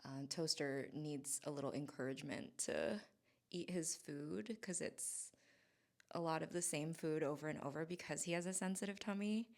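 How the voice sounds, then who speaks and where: This forties-aged vlogger from Hawaii reflects casually to the camera from her home in Southern California. Her voice is very low for a woman and a little mellow. Her musing drifts and stalls, with frequent restarts and fillers.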